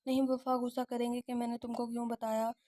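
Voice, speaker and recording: Woman doing a tired, subdued young wife in a storybook, mellow. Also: a little high, level tone, quick pace, no echo, natural voice. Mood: weary. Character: sad unwell young wife.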